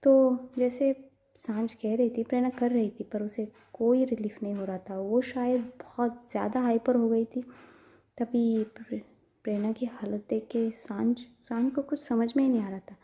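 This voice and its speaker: A woman's voice: on the high side, steady tone, moderate pace, dark tone. A woman narrating a love story in a casual, chatty way, with frequent fillers and self-corrections.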